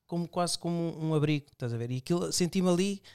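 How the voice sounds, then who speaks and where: A man's voice: on the high side, fast talker, darkish tone, clean tone. A man with a European Portuguese accent, co-hosting a podcast in casual, informal chat, often seeking agreement with tag questions.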